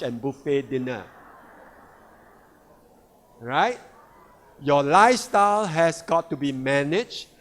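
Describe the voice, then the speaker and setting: Slow, emphatic male product presenter, slightly high voice, keeps checking in with the room, long hall reverb. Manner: emphatic, with frequent checking "all right?" and "right?" asides; repeats and rephrases key words. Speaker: sales leader presenting products. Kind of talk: product seminar talk to a live audience.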